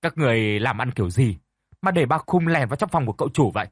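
A man's voice: medium pitch, fairly quick, husky, no echo, studio quality, lightly acted. A man voicing a stern, wealthy older woman who runs a household and scolds her servants. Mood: scolding. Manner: scolding, commanding.

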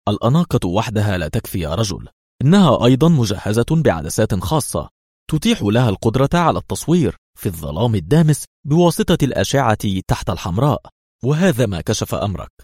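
A man's voice: on the low side, sing-song, quick pace, darkish tone, breathy edge, dry recording, clean studio sound, exaggerated voice. A man voicing an arrogant, scheming male ambassador who speaks with smug mockery. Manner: smug, mocking.

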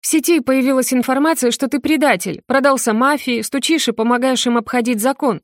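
A woman reading as a scared young woman, her voice shaky and pitched high. She speaks in a close, dry tone. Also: fairly even intonation, a little fast, no room sound, close to an everyday voice. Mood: frightened. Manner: shaky, tearful. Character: frightened trembling young woman.

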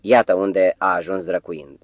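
A man's voice: low-pitched, no room sound, highs cut off. A man voicing a tearful, frantic young female secretary, pleading and sobbing. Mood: distraught.

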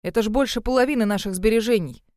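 A woman's voice: fairly high pitch, fast talker, a little mellow, dry recording, clean studio sound, close to an everyday voice. A woman voicing a grumpy young male companion who talks in a grumbling, exasperated way.

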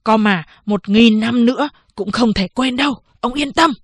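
A woman's voice: a little high, normal speed, breathy edge, no room sound, clean studio sound. A woman voicing a meek, polite male clerk in an audiobook. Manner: polite, pleading.

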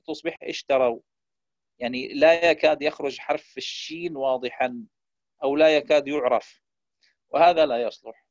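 A man giving a lecture on Quran recitation. He slows down to demonstrate letter sounds, with hesitant fillers between points. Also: a little high, no echo. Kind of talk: lecture on pronunciation. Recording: dull lo-fi dry sound.

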